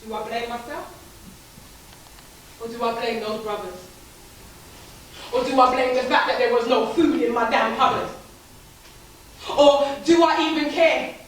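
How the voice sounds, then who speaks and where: A woman's voice: fairly high pitch, unhurried, long pauses, slight background noise, natural voice. An actress performing a spoken-word theatre monologue, playing a young woman haunted by abuse, bitter and defiant, in a rhythmic, rhyming delivery. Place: theatre stage. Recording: echoey hall, taped from far off.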